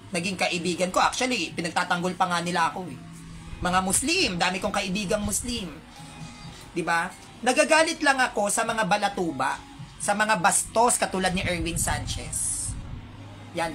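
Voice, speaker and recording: A woman's voice: mid-range voice, fairly bright tone. A woman with a Filipino accent, delivering an indignant, heated monologue to her viewers with rhetorical asides.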